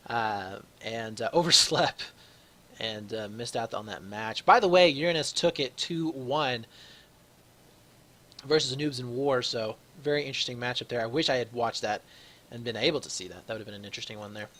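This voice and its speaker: Commentating an online shooter match on his own, this young man speaks at a medium pitch, his voice a bit raspy from a long day. He fills gaps with "uh" as he chats through the action and grows excited whenever a big play happens.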